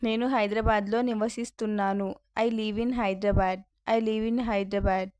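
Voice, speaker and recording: Telugu accented lady teaching english phrases, says each one twice, dry close sound, pretty flat delivery. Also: mid-range voice, unhurried, clean tone, no room sound, highs cut off. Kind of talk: slow repeat-after-me phrase drill.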